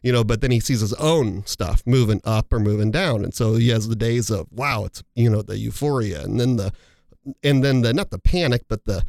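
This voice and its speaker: A man's voice: on the low side, moderate pace, gravelly, darkish tone, no echo, studio quality. A man hosting a financial talk show, chatting casually and rambling through explanations with many fillers and restarts. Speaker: financial advisor and show host.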